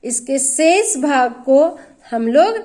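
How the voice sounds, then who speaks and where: A woman's voice: high-pitched, big pitch swings, slow, darkish tone. A woman teacher giving a grammar lesson to children, explaining patiently and asking them questions as she goes.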